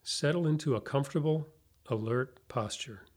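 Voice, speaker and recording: A man leads a guided meditation in the manner of a sleep story narrator. He gives gentle instructions without hurry, leaving long pauses between short phrases. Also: medium pitch. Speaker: meditation teacher.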